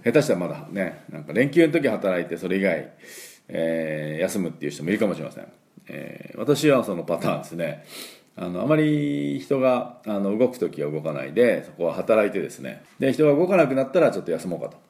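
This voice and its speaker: Gravelly-voiced man teaching English pronunciation. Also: sits low, big pitch swings. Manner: chatty, many fillers, models pronunciation slowly and loudly. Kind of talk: casual spoken English lesson.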